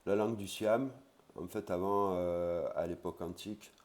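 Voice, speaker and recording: With a deep, steady, somewhat dark voice, a man teaches a casual language lesson. He pronounces each Thai word slowly and clearly before explaining it, using fillers such as "hein" and "voilà".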